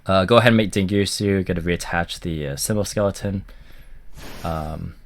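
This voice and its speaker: A man's voice: low voice, normal speed, slight background noise. A man with a stuffy voice from a cold, casually commenting on a card game match and rambling with many ums and likes. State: stuffy, recovering from a cough.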